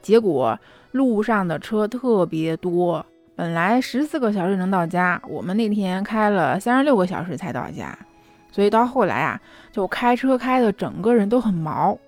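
A young adult woman casually telling a personal story in a chatty, lively way. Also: medium pitch, normal speed, soft background music. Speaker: vlogger.

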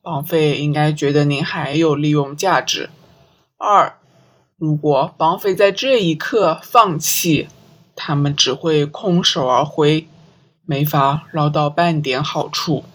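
A composed police inspector reasoning through a case, voice low and deliberate, as a woman reads him in a storybook. He lays out his thinking step by step without hurry. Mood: calm. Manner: calm, measured. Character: calm, analytical male police inspector.

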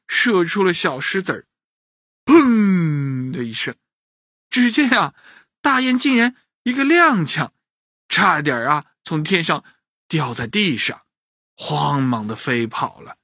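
Dad reading a bedtime story to kids, bouncy voice, bit husky, dry close mic. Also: male voice, fairly high pitch, no echo. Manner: lively, addresses children directly. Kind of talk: bedtime story narration for children.

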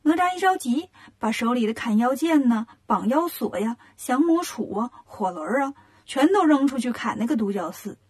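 A woman narrating a children's story in a lively, animated way. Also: on the high side, normal speed, husky.

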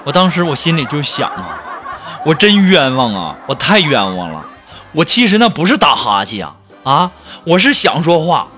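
A man's voice: a little high, huge pitch swings, normal speed, bright, forceful tone, faint music behind. A man hosting a comedy show, telling self-mocking jokes in a chatty way and often laughing as he talks. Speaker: comedy radio host. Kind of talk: comic storytelling monologue.

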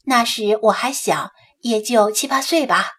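A woman voicing a wistful young woman reporter who recalls her past in a soft, rueful way, with a breathy voice. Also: a little high, a little slow.

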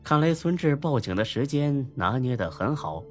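A man narrating an urban novel as an audiobook, telling it in a lively, wry storytelling manner. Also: medium pitch, normal speed. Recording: faint background music.

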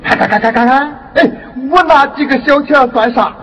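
A man's voice: extremely high pitch, moderate pace, a bit bright. An actor playing the father's sly, jovial old friend, chatty and teasing, in Henan opera stage acting. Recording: reverberant stage from a distance.

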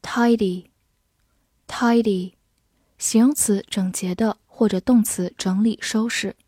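A woman teaching English vocabulary at a very slow, deliberate pace, saying each word twice with care. Her voice is mellow and warm. It is recorded dry on a close mic. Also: medium pitch, steady tone, slightly rough, no room sound. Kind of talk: vocabulary drill.

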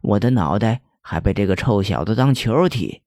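Starved scholar ghost guy, pompous and aggrieved, lowish dark voice, a bit slow, as a man puts him on. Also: lively intonation, dry recording, studio quality. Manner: bookish, lamenting, measured. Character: starved ghost of an old-time male scholar, proud and aggrieved.

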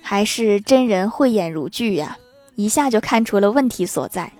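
A woman host telling a string of scripted comic stories with lively, chuckling punchlines. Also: medium pitch, moderate pace. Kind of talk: scripted comic joke storytelling.

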